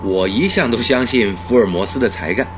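An actor playing a loyal, thoughtful doctor and detective's companion in a Chinese radio drama. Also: male voice, medium pitch, brisk, background noise, close to an everyday voice. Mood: trusting. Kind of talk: old-time Chinese radio drama acting. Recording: radio drama with music underneath.

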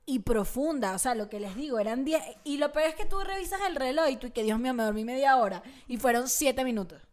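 A woman's voice: high voice, expressive, fairly quick, a little mellow. A young woman from Venezuela with a Venezuelan accent, co-hosting a casual, slangy chat and laughing often.

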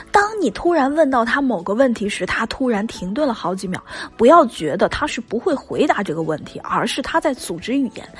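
A woman's voice: on the high side, husky. A woman coaching her listeners on relationships in a chatty, emphatic spoken lesson full of rhetorical questions.

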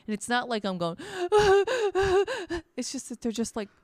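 A middle-aged woman in casual podcast chat, encouraging and quick to laugh. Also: fairly high pitch, no echo, studio quality.

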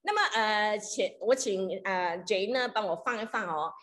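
A woman's voice: mid-range voice, normal speed, fairly bright tone. Woman pastor, chatty sermon voice. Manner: conversational, mixes in English phrases; frequent hesitation fillers. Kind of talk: sermon with storytelling.

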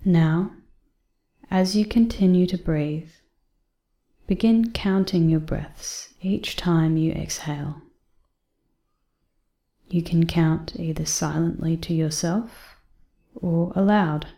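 A woman reading a guided breathing exercise in a soft, calm voice that often drops to a half-whisper. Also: on the low side, takes it slowly, pauses often, reverberant. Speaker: meditation guide.

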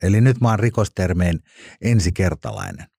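Blunt husky low-voiced middle-aged man. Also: dark tone, dry recording, clean studio sound. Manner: blunt, colloquial, swears freely. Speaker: guest, former criminal and author. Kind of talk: casual interview storytelling.

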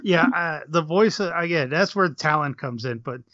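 A man's voice: a little high, animated, moderate pace, pushed and bright, no room sound. A man chatting casually on a podcast, laughing often and full of fillers. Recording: dull lo-fi dry sound.

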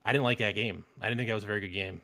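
Brief: thirties male host, low-pitched, blunt opinions, rambling casual gaming talk. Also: racing, bright, forceful tone. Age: 30s. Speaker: podcast host.

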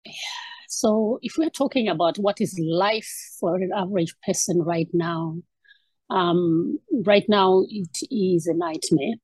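A woman in her fifties from Zimbabwe, a guest in a casual interview, talks through her background hesitantly with frequent ums and restarts. Her voice is lowish, a little slow, and darkish with a breathy edge. The recording is dry and of poor quality.

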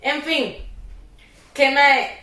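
A Costa Rican woman in her twenties telling a story in casual chat, animated and slangy, acting out her own shouts. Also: sits high, drawn-out words, reverberant, far from the mic. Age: 20s.

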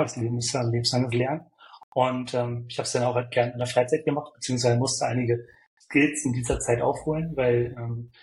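Male guest, mid-range voice, halting and filler-heavy. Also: medium pitch, rough recording. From Berlin. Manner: hesitant, many fillers and restarts. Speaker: podcast guest, software developer. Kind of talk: interview answers.

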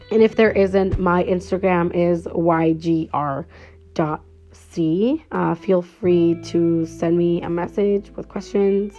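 In a mellow, mid-range voice, a young woman in her twenties opens her solo podcast with cheerful, casual chatter that rambles and leans on fillers. Faint guitar music sits behind a slightly dull, lo-fi recording.

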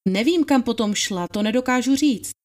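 A woman's voice: a little high, lively intonation, natural voice. A woman voicing a dutiful young housemaid on the stand. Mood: testifying. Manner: plain, polite, deferential answers. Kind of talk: dramatized trial testimony reading.

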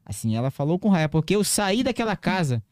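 Fast-talking man. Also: high-pitched, no room sound, studio quality. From Acre, Brazil. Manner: animated, frequent fillers like "cara" and "né". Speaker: podcast guest. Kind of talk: casual storytelling.

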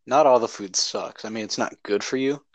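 A man's voice: medium pitch, a little fast, no echo. A teenage boy co-hosting a casual podcast, laid-back and chiming in with short remarks. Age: teens. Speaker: podcast co-host. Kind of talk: casual chat.

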